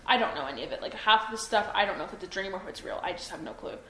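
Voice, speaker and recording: A woman's voice: medium pitch, lively intonation, racing, a bit bright. A young woman being interviewed by police, hesitant and full of ums and self-doubt. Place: interview room. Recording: echoey room, faint noise.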